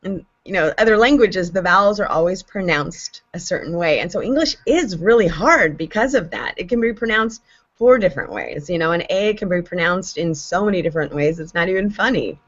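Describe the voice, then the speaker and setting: Talking a little fast in a fairly low voice, a chatty woman hosts a casual online homeschool panel over a dull video call. She's a homeschooling parent who becomes animated when explaining and spells out letters.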